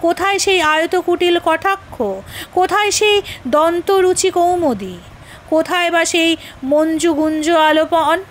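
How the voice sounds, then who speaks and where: A woman giving an expressive literary reading of a devotional biography in a measured voice. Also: very high voice, poor audio. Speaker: reader.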